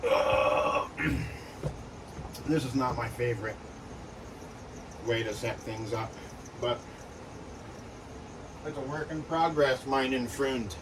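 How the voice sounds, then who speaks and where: A man who breeds reptiles talks casually in a vlog while handling geckos, with lots of fillers and soft reassurances to the animals. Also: medium pitch, fairly even intonation, slow, long pauses, noisy background. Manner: rambling, filler-heavy, coos softly to the geckos.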